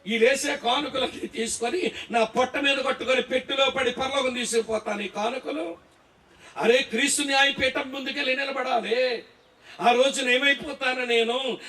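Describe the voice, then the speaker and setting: High-voiced preacher in an echoey hall. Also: male voice, sharp tone, far from the mic. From Andhra Pradesh, India. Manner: rhetorical questions, checks the audience is following. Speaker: Bible teacher preaching. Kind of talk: sermon at a pastors' conference. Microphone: distant from the mic.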